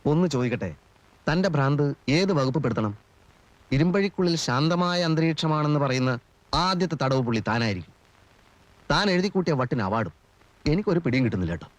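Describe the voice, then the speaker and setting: A man playing a lawyer in a film comedy who rattles off his lines quickly in a fairly high voice. He sounds mocking and exasperated. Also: expressive, no echo, lightly acted, low-quality recording.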